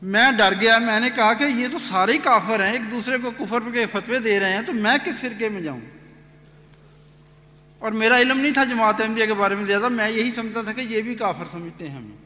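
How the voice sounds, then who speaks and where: A man giving an earnest personal testimony, retelling events with animated quoted dialogue. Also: high voice, few pauses. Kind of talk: storytelling testimony. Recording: echoey hall reverb.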